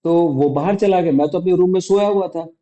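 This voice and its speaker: A man's voice: high voice, fairly quick, mellow, muffled recording. A man from India telling a personal story in a casual vlog, chatty and acting out quoted dialogue, mixing in English words. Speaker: vlogger.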